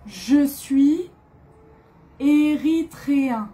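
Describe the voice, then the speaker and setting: Woman from France, language teacher, high voice, warm dark tone, careful repetition. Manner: slow, carefully articulated, repeats each word. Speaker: French teacher. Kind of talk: slow beginner language lesson.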